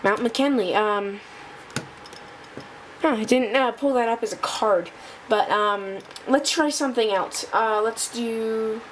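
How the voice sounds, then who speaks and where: A woman presenting a casual tech demo off the cuff, halting and thinking aloud as she goes. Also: a little high. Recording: noticeable background noise.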